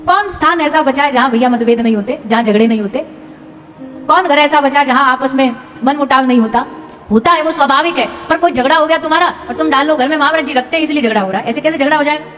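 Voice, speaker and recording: At a large live religious event, an Indian woman tells a devotional katha sermon dramatically and sings Sanskrit verses. She talks fast in a high, fairly bright voice, and the hall adds long reverb along with music.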